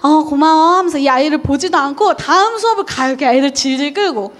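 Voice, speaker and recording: A woman's voice: high voice, animated, fast talker, a bit bright. A young woman who teaches at a daycare, lecturing parents on how to talk with children and acting out quoted parent and child lines. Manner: frequent "어" fillers, talks straight to parents.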